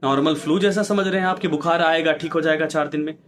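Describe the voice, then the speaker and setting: Male anchor, higher-pitched, preachy and exhorting; impassioned on-air commentary full of rhetorical questions. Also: fairly even intonation, fast talker, a little hiss or hum. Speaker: news anchor.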